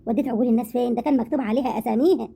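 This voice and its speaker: Woman putting on a bossy egyptian mother-in-law, scolds fast, mellow dark voice. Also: a little high, gravelly, breathy edge. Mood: accusing. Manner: scolding, mocking, rapid. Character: sharp-tongued older mother-in-law, scolding.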